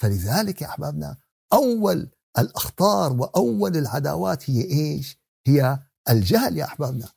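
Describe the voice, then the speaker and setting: Fast-talking Syrian man preaching, husky and creaky. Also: on the high side, very animated, a little mellow, no room sound, studio quality. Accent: Syrian Arabic. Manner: didactic, asks rhetorical questions and repeats key words; conversational, with everyday examples and acted exchanges. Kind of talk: religious lesson on Quran exegesis, mixing classical recitation with colloquial talk.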